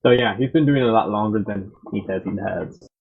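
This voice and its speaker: A man's voice: fairly low pitch, fairly quick, breathy edge. A man on a podcast panel chatting casually with a wry, lecturing tone. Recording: tinny phone-like voice chat.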